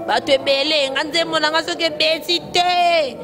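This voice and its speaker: A woman with a Congolese French accent in quick, emphatic casual chat, asking many questions. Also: high voice, fairly even intonation. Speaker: fan discussing rumba music. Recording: loud music playing behind.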